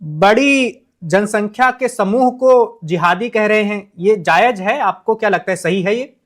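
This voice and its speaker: A man interviewing a guest, asking measured, probing questions. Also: sits high, a bit bright.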